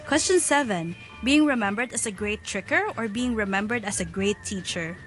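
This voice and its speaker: A woman's voice: mid-range voice, normal speed, faint music behind. Woman podcast host, medium voice, reads intros and asks questions. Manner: scripted introductions and steady questions. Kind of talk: podcast interview hosting.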